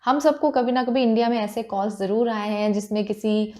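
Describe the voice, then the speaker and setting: A woman's voice: fairly high pitch, fairly even intonation, fairly quick, mellow. A woman from India in her thirties with an Indian accent, chatting casually to camera in a Hindi-English mix with frequent fillers. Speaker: vlogger.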